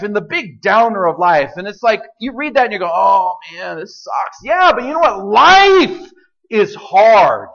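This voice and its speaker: A man preaching a sermon in an animated, joking way, putting questions to the congregation. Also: sits high, highs cut off. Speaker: pastor.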